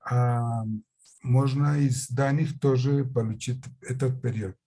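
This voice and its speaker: A man with a foreign accent giving an academic presentation in a language that is not his native one, haltingly and searching for words. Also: mid-range voice, fairly even intonation, dark tone. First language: not Russian. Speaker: conference presenter.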